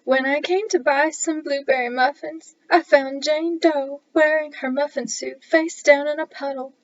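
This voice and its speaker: Woman doing a shrill wailing gossip lady. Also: steady tone, a little slow. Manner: wailing, high and loud. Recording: dull lo-fi recording.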